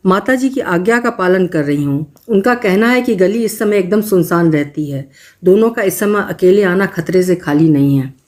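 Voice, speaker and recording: A woman's voice: lowish voice, lively intonation, moderate pace, a little mellow, close to an everyday voice. A woman reading the part of a sarcastic young neighbour's daughter in a story reading.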